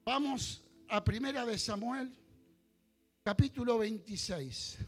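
Very high-pitched and husky, a pastor in his sixties from Argentina speaks slowly with an Argentine Spanish accent over soft background music. He preaches a sermon and leads the congregation in fervent call-and-response prayer that climbs to shouting.

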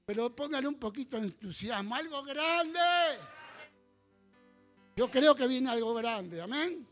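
A pastor in his sixties from Argentina preaches in an Argentine Spanish accent, his very high voice animated yet measured in pace. Faint music plays behind as he leads fervent call-and-response prayer that escalates into shouting.

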